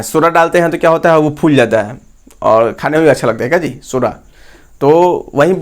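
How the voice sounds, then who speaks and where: Male teacher, higher voice. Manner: quizzes listeners with repeated questions and answers them himself. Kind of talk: exam-prep lesson teaching memory tricks.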